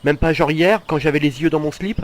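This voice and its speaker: A man's voice: on the high side, a little fast, a little hiss or hum, close to an everyday voice. An actor playing a confused teenager stuck in a grown man's life, baffled and exasperated.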